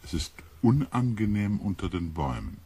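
A sober scientist in a German sci-fi radio play. His voice is husky and on the low side, with lively inflection. He reasons in a measured way. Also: heavily acted. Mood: sober, skeptical. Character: rational, sober male expedition scientist.

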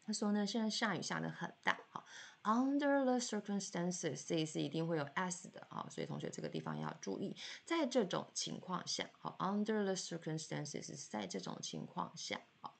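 Female teacher, lowish gravelly voice, patient filler-laden explaining. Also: very animated, fairly quick, few pauses. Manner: frequent filler particles, patient step-by-step explaining. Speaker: high school English teacher. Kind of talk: vocabulary lesson explaining words.

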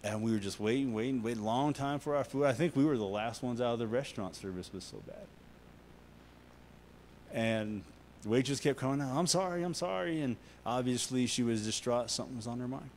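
A man preaching a sermon as a guest pastor, rising to loud emphatic lines and dropping to soft, hushed ones while he tells a story. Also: mid-range voice, brisk, slight background noise. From United States. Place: church sanctuary.

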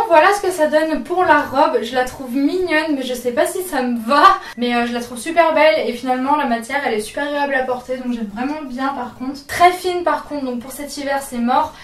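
A woman's voice: high-pitched, fairly bright tone, echoey room. A young woman from France chatting casually through a clothing try-on haul, jokey and self-mocking. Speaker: fashion YouTuber. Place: room indoors under artificial lights.

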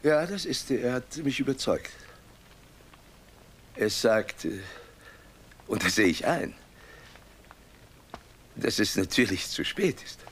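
An actor dubbing a lonely middle-aged man back from an asylum, speaking in a halting, imploring way in a 1930s film drama. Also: mid-range voice, big pitch swings, a bit bright, slight background noise. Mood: resigned.

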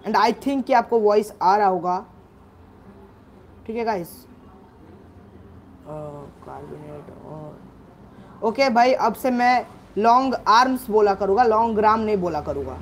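Male gaming host, high voice, excitable live commentary, yells at teammates, faint background noise. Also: unhurried, pauses often. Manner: excitable, shouts orders at teammates. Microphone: own microphone.

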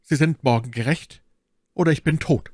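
A man's voice: fairly high pitch, moderate pace, a little mellow, husky, no room sound, voice pushed up. A man reading an audiobook, voicing a bold, passionate young swordsman with ardent declamation. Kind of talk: audiobook character voice.

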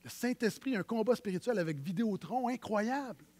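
Animated Quebec French preacher, high voice. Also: male voice, a little fast. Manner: animated, conversational preaching that swings from loud to hushed. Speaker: pastor. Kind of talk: sermon.

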